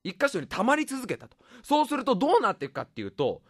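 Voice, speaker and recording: A man in his thirties telling a rambling comic monologue in rough casual speech, laughing often and tripping over his words. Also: extremely high pitch, huge pitch swings, quick pace, no room sound, studio quality.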